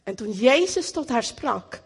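A middle-aged woman delivers a sermon with lively, repeated phrases for emphasis. Her voice sits fairly high and a little husky. The sound carries a long reverb from the hall. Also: unhurried. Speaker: preacher.

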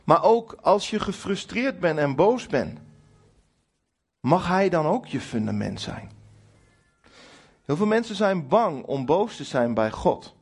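A man's voice: a little high, breathy edge. A middle-aged man preaching a sermon to a congregation, speaking emphatically and addressing listeners directly with some humour. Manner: lively, emphatic preaching with acted quotes to God. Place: church hall before a congregation.

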